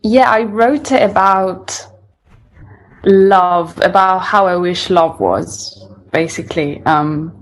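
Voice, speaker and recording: Her voice sits on the low side and moves slowly, captured on poor audio. She's a young woman from Italy, a singer-songwriter talking in accented English during a casual interview, reflective and prone to beginning sentences over.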